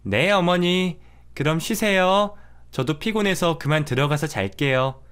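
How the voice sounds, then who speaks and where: A man's voice: fairly high pitch, a little slow, fairly bright tone, smooth, pitched above the performer's own voice. A man voicing a young pregnant daughter-in-law in a radio drama story, polite but unyielding. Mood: calm firm.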